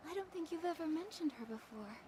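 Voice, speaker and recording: A gentle young heroine from a video game, soothing a friend in a high, soft, reassuring voice. Clear noise runs under the game audio. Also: female voice, animated, quick pace. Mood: comforting. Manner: warm and reassuring.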